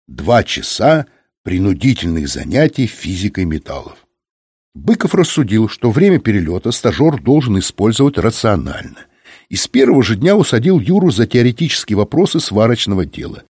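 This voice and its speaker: A man's voice: on the low side, a little mellow, slightly rough, dry recording, clean studio sound. A man reading a story aloud as an audiobook narrator, telling it evenly and giving the characters their own voices.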